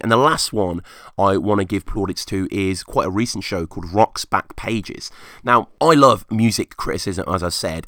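Male podcast host, low hoarse rusty voice, hungover, informal and enthusiastic, close dry sound. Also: fairly bright tone, dry recording. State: hungover, croaky. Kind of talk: casual rambling solo podcast talk.

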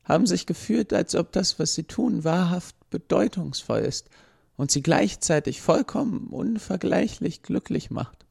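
A man voicing a broken, childlike male robot that is wholly devoted to painting, speaking in a high, eager, stammering voice. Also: lively intonation, unhurried, vocal fry, darkish tone, husky, exaggerated voice.

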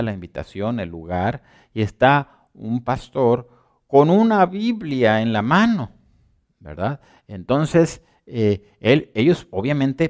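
A man preaching a sermon in a conversational way, often asking listeners whether they follow, and swinging between loud emphasis and quiet asides. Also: mid-range voice. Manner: conversational, asks listeners for agreement.

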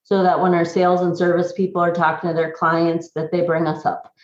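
A woman who is a guest on a podcast, a tech consultant speaking in a measured way with frequent ums, heard over roomy, dull remote call audio. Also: lowish voice, little pitch movement. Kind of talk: casual interview chat.

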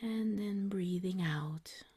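A woman guiding a meditation like a sleep story narrator, in a soft, whispery, breathy voice with a gentle, soothing, unhurried manner. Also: medium pitch, dry recording. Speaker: meditation guide.

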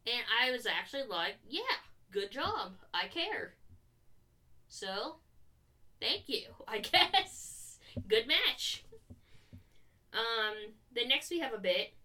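Bright, profane woman co-host. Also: on the high side, recorded from a distance. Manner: profane, sarcastic, laughs often. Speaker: podcast co-host reviewing wrestling. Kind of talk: casual chat.

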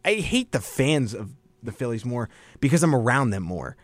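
A young man hosting a college radio sports talk show, relaxed and casual, often dropping "man" and "dude". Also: medium pitch, unhurried, no room sound.

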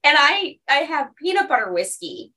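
Chatty laughing woman, bright distant voice. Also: high-pitched, very animated, normal speed, noisy background. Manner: chatty storyteller, laughs often. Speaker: podcast host. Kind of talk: casual conversational interview.

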